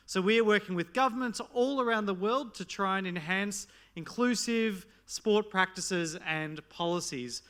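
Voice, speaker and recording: A man addressing a young festival crowd from the stage, upbeat and enthusiastic, introducing a youth panel. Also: sits high. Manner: enthusiastic, energetic, gets the crowd to respond. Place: large hall at a festival, on stage.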